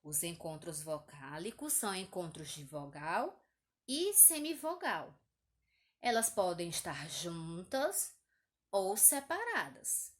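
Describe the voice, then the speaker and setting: A woman's voice: on the low side, sing-song. A woman teacher with a Brazilian accent, patiently going over a test in a video lesson for young pupils, checking in with "tá?" often. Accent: Brazilian Portuguese. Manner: slow, patient, uses diminutives and "tá?" checks. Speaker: primary school teacher.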